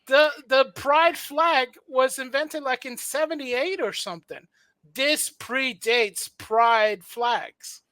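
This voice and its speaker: A woman's voice: high-pitched, slow pace, a bit bright, dry recording. A woman from South America, co-hosting a casual debate and defending her view eagerly with many restarts.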